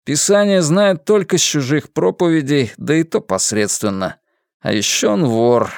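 A man's voice: fairly high pitch, expressive, gravelly, no echo, studio quality, pitched above the performer's own voice. Impassive fair-haired inquisitor, read by a man. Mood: dispassionate. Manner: impassive, measured. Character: fair-haired male inquisitor, calm and dispassionate.

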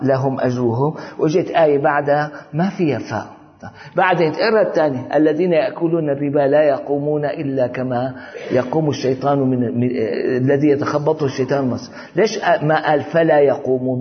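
A man giving an informal religious lesson, talking conversationally and often checking that listeners follow. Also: on the high side. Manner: conversational, often asks "you see?". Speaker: religious teacher. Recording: dull audio with long hall reverb.

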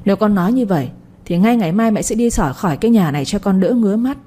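A woman's voice: mid-range voice, lively intonation, fast, dark tone, breathy edge. A woman voicing a bitter scolding old mother. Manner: reproachful, scolding. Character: embittered older mother, possessive and scolding.

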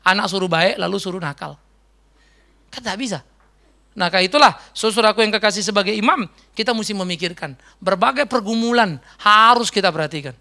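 A middle-aged man preaching a sermon as a pastor, in a conversational, animated way. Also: high voice, fairly quick, creaky. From Indonesia. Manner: conversational, animated storytelling with mimicked voices.

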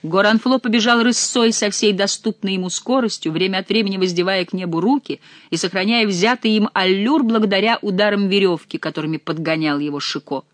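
A woman's voice: mid-range voice, a little fast, hardly any pauses, no room sound. Woman reading a classic novel aloud. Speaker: audiobook reader. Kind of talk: scripted narration.

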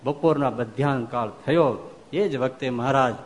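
Monk telling a devotional story. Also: male voice, medium pitch, moderate pace. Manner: animated storyteller, acts out quoted speech. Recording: long hall reverb.

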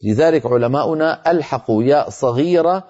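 A man teaching Quran recitation rules on television, explaining patiently, asking his audience questions and chanting the examples slowly. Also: medium pitch, dark tone, dull audio. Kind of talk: televised tajweed lesson.

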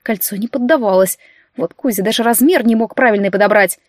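A woman reading a first-person audiobook story with lively storytelling. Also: fairly high pitch, fairly quick, no room sound, clean studio sound. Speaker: audiobook narrator.

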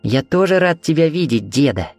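A man imitating the thin, squeaky voice of a little boy, as a possessed character in an audiobook. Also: animated, moderate pace, darkish tone, no echo, soft background music. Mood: eerie glee.

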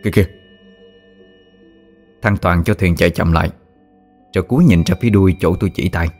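Deep-voiced man telling a ghost story. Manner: steady, measured telling that turns frantic in quoted outbursts. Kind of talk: first-person ghost story narration. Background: faint music.

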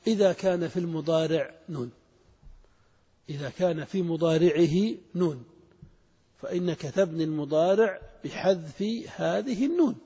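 Quizzing his students and echoing back their replies, a man leads an Arabic grammar class in a fairly high, husky voice with a dark tone and moderate pace. The sound is muffled, captured in a hall with lots of reverb.

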